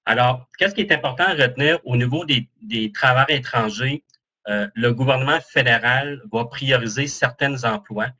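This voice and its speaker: A man's voice: medium pitch, normal speed, bright, forceful tone. A man with a Québécois French accent giving a webinar presentation as an employment counsellor, chatty and joking about himself, with many fillers, speaking over a video call.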